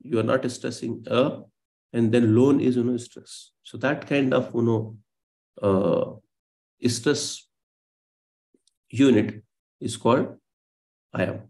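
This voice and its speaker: Gravelly man lecturing online. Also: medium pitch, steady tone, slow pace, pauses often, a little mellow. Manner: explains patiently, many fillers and self-corrections.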